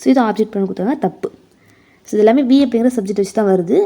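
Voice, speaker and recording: A woman with a Tamil accent teaching an exam prep lesson, reading English questions slowly and explaining them in quick Tamil. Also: mid-range voice, dark tone.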